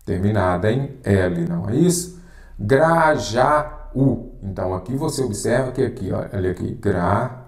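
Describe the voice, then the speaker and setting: A man's voice: fairly low pitch, brisk, warm tone. Emphatic male teacher, echoey room. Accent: Brazilian Portuguese. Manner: emphatic, repeats "correto?" and "anote aí". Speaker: Portuguese teacher. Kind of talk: exam-prep lesson.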